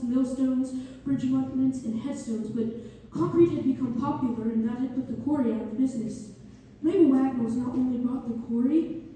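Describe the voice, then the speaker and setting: In a community theater read-through, a woman with a high, dark, natural voice plays an earnest young male architect fondly remembering his patron. The recording is echoey and distant, captured in a reverberant hall with faint noise.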